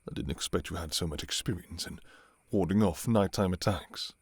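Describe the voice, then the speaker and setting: A man playing a courtly, restrained vampire king in an intimate ASMR role-play, speaking formally and softly with some hesitation. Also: low voice, normal speed, husky, no echo. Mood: contrite, courtly. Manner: formal, archaic, hesitant, soft-spoken. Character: courtly adult male vampire king, restrained, yearning for his enemy.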